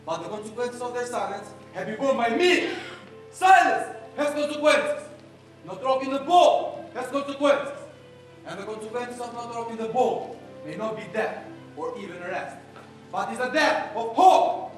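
A man's voice: very high-pitched, expressive, normal speed, soft background music. A young man performing an earnest theatrical monologue on a large theater stage. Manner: earnest, declaiming, rising to shouts. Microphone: far stage mics. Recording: echoey theater from far off.

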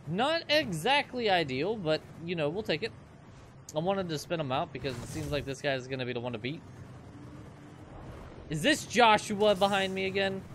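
A man in his twenties talks viewers through his game in loose, joking banter. His voice sits slightly high for a man. A faint noise runs beneath it. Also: expressive, moderate pace, fairly bright tone. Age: 20s. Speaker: let's play host. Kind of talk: gameplay commentary.

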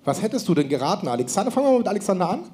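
Lively, high-pitched male game show host. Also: very fast. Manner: game show host patter, playful and teasing. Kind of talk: live quiz show hosting.

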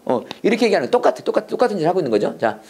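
Animated preacher-teacher with lively pitch. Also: male voice, rapid-fire. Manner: animated, call-and-response, mixing English and Korean. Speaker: Bible English teacher. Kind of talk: preachy Bible English lesson.

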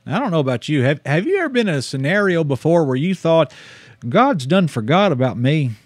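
A man's voice: fairly high pitch, sing-song, brisk, no room sound, clean studio sound. A man in his thirties with a Southern American accent, preaching casually on a livestream, folksy and self-deprecating, often laughing at himself. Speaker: missionary preacher. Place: small studio with purple-lit shelves. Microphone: studio desk mic.

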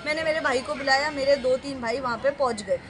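A woman in her thirties giving an on-street interview, telling her account forcefully and emphatically. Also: high-pitched, fast talker. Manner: forceful, indignant, emphatic retelling. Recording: noisy street ambience.

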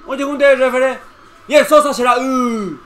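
Very high, bright-voiced young man. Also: a little slow. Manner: excitable, shouts and cheers at each play. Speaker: football reaction host. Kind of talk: live match reaction.

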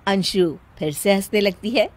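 A woman narrating a cartoon story in a calm, soft voice. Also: medium pitch, very noisy.

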